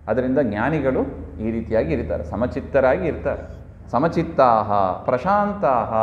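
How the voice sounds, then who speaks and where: A man's voice: mid-range voice, slight background noise. A man giving a devotional discourse, often asking his listeners questions and answering them himself, and now and then chanting Sanskrit verse. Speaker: religious discourse speaker. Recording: echoey hall, dull lo-fi sound.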